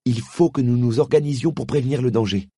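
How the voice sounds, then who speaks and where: Spirited young girl, sarcastic and quick, as a male reader puts her on. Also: medium pitch, dark tone, slightly rough, no echo, studio quality, voice pushed up, natural voice. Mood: indignant. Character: spirited young London girl, sharp-tongued.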